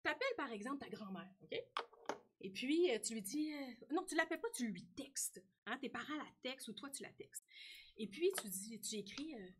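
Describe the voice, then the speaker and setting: A woman's voice: high-pitched, lively intonation, moderate pace, a little hiss or hum. A woman teacher with a Québécois French accent who gives a spelling lesson to young children, talks to the child directly and keeps asking "hein?".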